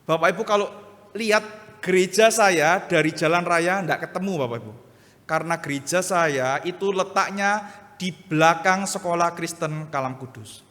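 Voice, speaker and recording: Bright, lively East Javanese pastor preaching. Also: male voice, on the high side, moderate pace, in a large hall. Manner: animated, acts out other voices in anecdotes. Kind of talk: sermon with storytelling. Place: church hall.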